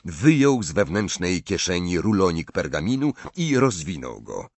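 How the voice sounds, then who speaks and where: A man reading a story aloud as an audiobook narrator, in expressive scripted narration on a close mic. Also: low voice, moderate pace, dry recording.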